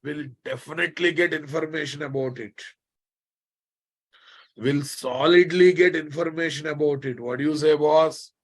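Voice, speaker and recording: A man with a Telugu Indian accent lecturing a class as a software instructor, repeating phrases for emphasis and prodding his students with check questions. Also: on the high side, fairly even intonation, normal speed.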